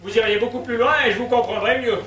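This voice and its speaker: A man's voice: extremely high pitch, fairly even intonation, fast talker, sharp tone. A man doing a rambling half-deaf old husband. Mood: puzzled. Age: older. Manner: rambling, mishears and misunderstands. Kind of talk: amateur stage comedy. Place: theatre stage. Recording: echoey stage from far off, noisy.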